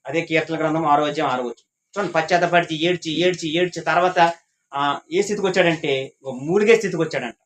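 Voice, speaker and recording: A man's voice: fairly high pitch, fast talker, rough recording. A man leading a Bible class, repeating his points and quizzing the class with questions. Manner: repetitive, asks the class questions.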